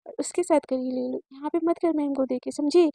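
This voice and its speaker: A woman's voice: sits high, steady tone, a little fast, creaky, dark tone, no room sound, clean studio sound. A woman voicing a tough, bossy young woman student who talks bluntly and threatens. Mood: scolding.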